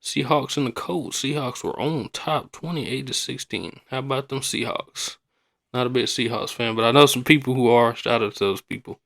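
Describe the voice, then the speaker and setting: A man's voice: medium pitch, normal speed, vocal fry, fairly bright tone. A man hosting a podcast in a casual, rambling, colloquial way, often repeating himself. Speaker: podcast host.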